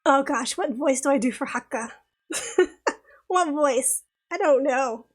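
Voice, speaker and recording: A woman streaming a visual novel, chatting with viewers and reading the story aloud with frequent laughs. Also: sits high. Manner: giggly and chatty, reads narration slowly.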